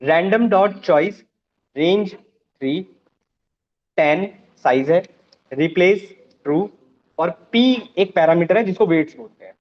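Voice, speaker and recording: High-voiced programming teacher, lo-fi. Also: male voice, slow pace, pauses often. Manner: explains step by step, checks students understand. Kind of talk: live coding class.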